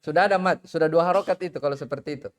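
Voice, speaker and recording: A man teaching tajwid in a live online class, drilling Arabic syllables slowly and calling on students to recite. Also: on the high side. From Indonesia.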